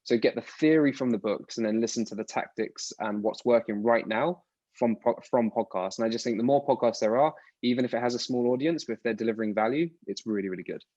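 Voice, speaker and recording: A British podcast guest in his thirties answers interview questions casually and ramblingly, restarting words often. His medium-pitched voice is a little mellow and quick, captured in a dull, dry, lo-fi recording with no echo.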